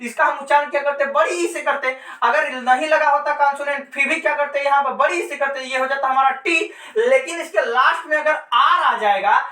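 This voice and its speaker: Lady teacher with a high voice, slow patient explaining, mic far off in a roomy echoey space. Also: steady tone, bright, forceful tone. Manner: patient, repetitive, asks and answers own questions. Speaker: English pronunciation teacher. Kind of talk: classroom-style lesson.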